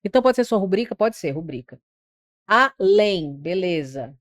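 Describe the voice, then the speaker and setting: Speaking with a Brazilian Portuguese accent, a woman with a lowish, dark-toned voice runs an online grammar lesson aimed at exam prep. She's expressive and fairly quick, recorded close and dry with no echo or room sound. Patient in her explanations, she asks her students questions and elongates words to highlight stressed syllables.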